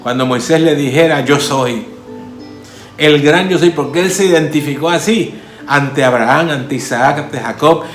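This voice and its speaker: A man preaching a sermon as pastor, often saying hallelujah, rising loud and falling soft. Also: a little high, a little slow, echoey room, faint music behind. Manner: preaching with repeated hallelujahs, swelling and falling in force.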